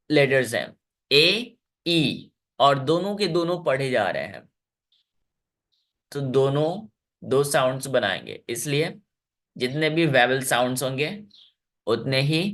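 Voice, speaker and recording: A male English teacher leads an online class for children, cheering on his students and slowly stretching out words so they can hear each sound. His voice rises and falls a great deal as he explains. He sounds like a young adult. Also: mid-range voice, sing-song, fairly bright tone. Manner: encouraging, drawn-out word demonstrations.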